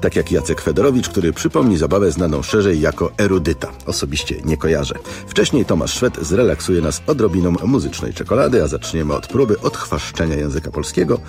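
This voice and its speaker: A man hosting a radio program, reading a scripted introduction in an even, announcing delivery. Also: sits low, brisk, soft background music. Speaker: radio host.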